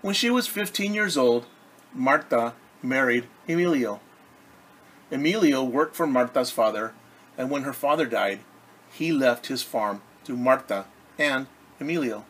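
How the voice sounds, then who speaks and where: In his living room, a middle-aged teacher reads a story aloud to kids with expression, pausing to explain words simply. He has a mid-range, slightly bright, expressive voice and a measured pace. Captured at arm's length from the camera, the audio is poor, with audible room noise.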